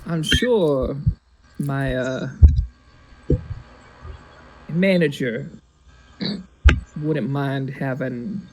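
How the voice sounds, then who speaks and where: A man's voice: medium pitch, drawn-out words, long pauses, slight background noise, low-quality recording. Man playing a tabletop game. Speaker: player. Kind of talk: tabletop role-play chat.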